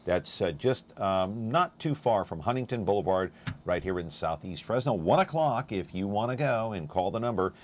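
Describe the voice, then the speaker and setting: Local TV host man, low voice. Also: lively intonation, a little hiss or hum. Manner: brisk, reads viewer emails aloud. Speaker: talk show host. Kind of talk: local TV interview. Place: TV studio.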